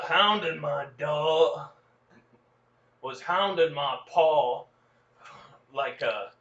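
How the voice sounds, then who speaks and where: A man's voice: fairly high pitch, fairly bright tone. A podcast host voicing a young frontier farm boy who spins a rambling tall tale in an exaggerated Old West drawl. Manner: folksy rambling yarn with gasps and exclamations. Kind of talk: comedic improvised storytelling. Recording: echoey, lo-fi, distant mic.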